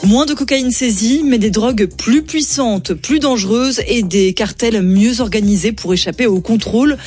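A woman reading the radio news in a clear, measured way from a studio. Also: a little high, a little mellow, soft background music. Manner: clear, measured newsreader delivery. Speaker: news presenter. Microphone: studio microphone.

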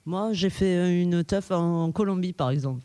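A man in a casual group chat who talks in a drawn-out way and tags phrases with fillers. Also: high-pitched, mellow.

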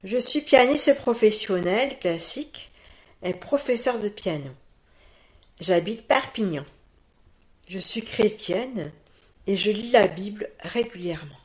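Calm woman in her fifties. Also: medium pitch, a little slow, pauses often. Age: 50s. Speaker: pianist and piano teacher. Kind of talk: radio interview answers.

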